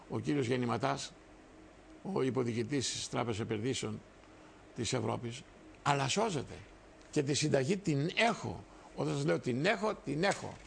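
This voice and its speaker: Gravelly, emphatic older man speechifying. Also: medium pitch, a little hiss or hum. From Greece. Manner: emphatic, repetitive, addresses viewers directly. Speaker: TV show host and party leader. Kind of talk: impassioned political monologue.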